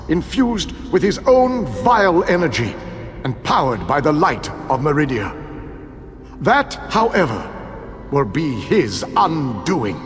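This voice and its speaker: An actor playing a proud, ancient imprisoned elven king in a fantasy game, speaking with grandiose self-assurance and theatrical pauses. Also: mid-range voice. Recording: long hall reverb, music underneath.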